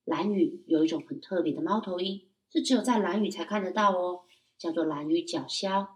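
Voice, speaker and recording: A woman storyteller reading a children's story, animated and expressive, talking directly to young listeners. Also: fairly low pitch, fairly quick, far from the mic.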